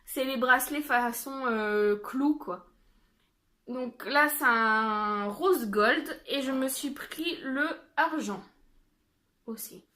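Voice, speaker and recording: A young woman talks casually through a shopping haul, pausing often on fillers and restarting her sentences. Her voice sits high and sounds bright. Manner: chatty, many fillers and restarts. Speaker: haul vlogger. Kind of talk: casual haul video chat.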